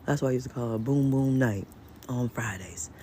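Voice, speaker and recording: A woman telling her story in a casual vlog from home, halting with many restarts and often dropping to near whispers. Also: extremely low pitch, warm tone, a little hiss or hum. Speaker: vlogger. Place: indoors at home.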